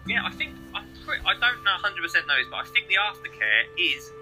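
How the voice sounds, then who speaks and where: A man hosting a casual chat, talking in a relaxed, rambling way with many fillers. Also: high voice, fast, low-quality recording. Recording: guitar music clearly behind.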